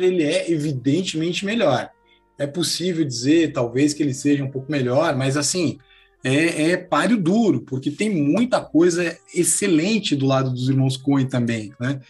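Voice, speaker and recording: A Brazilian man debating films in a casual podcast chat, taking the contrarian side with easy, meandering talk. His voice sits a little high for a man, and soft music runs faintly underneath. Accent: Brazilian Portuguese. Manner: argumentative, playful contrarian.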